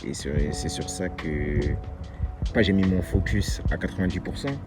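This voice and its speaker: A man's voice: low voice, moderate pace. A twenty-year-old man giving a casual motivational monologue as a vlogger, earnest and repeating his key phrases. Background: loud music.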